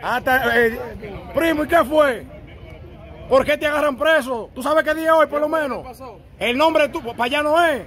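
A Dominican man reporting live from a city street on a handheld phone, his voice sitting very high. He jokes, whoops and shouts over a noisy crowd around him. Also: normal speed. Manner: excitable, joking, whoops loudly. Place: outdoors on a city street by a courthouse.

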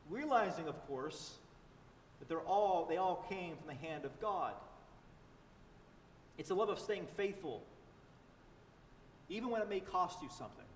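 A man's voice: high voice, far from the mic, a little hiss or hum. Preaching man in an echoey church. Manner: earnest preaching with emphatic repetition. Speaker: pastor. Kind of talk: sermon. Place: large church sanctuary. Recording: echoey church livestream from afar.

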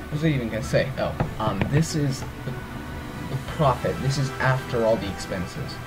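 Music plays behind this low-quality recording of a let's play gamer with a groggy, medium-pitched, expressive voice speaking at normal speed. He casually walks through the menus of a strategy game. Rambling and hesitant, he fills his speech with ums and frequently corrects himself.

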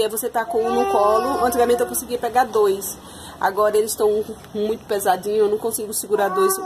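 A young Brazilian woman, a mother of triplets, chatting casually to viewers at home while soothing her babies. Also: on the high side. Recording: loud background noise, babies crying.

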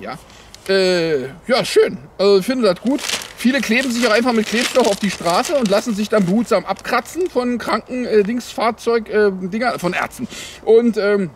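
A high-voiced man delivers satirical headlines as a parody news anchor. His intonation swings widely as he rambles with sarcastic, mock-naive asides and repeated little confirmations. Faint ambient noise sits behind the voice. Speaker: host of a satirical news show. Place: outdoors in the cold.

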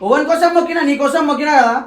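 A young man with a Telangana accent, arguing angrily and accusingly in a vlog. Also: extremely high pitch. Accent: Telangana Telugu. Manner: angry, accusing, rapid-fire. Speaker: vlogger. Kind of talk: heated couple argument. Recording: roomy echo.

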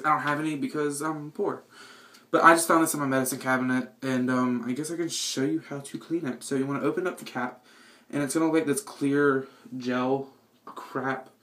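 A man's voice: medium pitch, pushed and bright. A man giving an informal, self-deprecating how-to in a casual vlog style, with bathroom echo on his voice. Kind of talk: casual chatty tutorial. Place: indoors in a small bathroom. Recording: echoey bathroom reverb.

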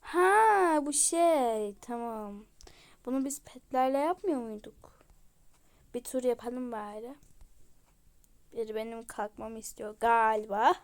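A high-pitched woman talks her viewers through a game. She reacts excitedly to each new find and gushes over the cute items. Her commentary is casual and chatty. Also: takes it slowly, pauses often, clear, resonant tone. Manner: excitable, gushing exclamations. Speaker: game vlogger.

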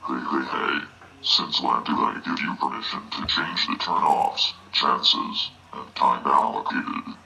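A menacing robot error entity in evil mode, its voice extremely deep and gravelly. It sounds hard and cutting, announcing penalties in a cold, threatening way. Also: male voice, measured pace, bright, forceful tone, slight background noise, full character voice, low-quality recording. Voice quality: synthetic robotic voice.

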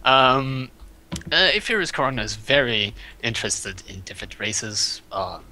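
A man's voice: medium pitch, big pitch swings, normal speed, pushed and bright, poor audio. A man running a tabletop game as game master, describing scenes hesitantly with many fillers and restarts. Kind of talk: narrating a tabletop game over a stream.

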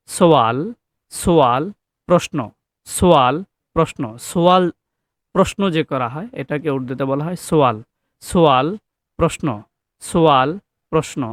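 Slow, patient male language teacher. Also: a little high, no echo. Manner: slow, repeats each word many times in call-and-response drills. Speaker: Urdu teacher. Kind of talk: vocabulary lesson with drilled repetition.

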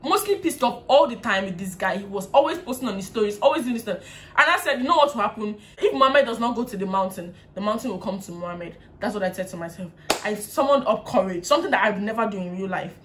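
A young woman with a Nigerian English accent telling a storytime vlog casually, animated and often laughing while mimicking others. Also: medium pitch, fast, slight background noise. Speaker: vlogger.

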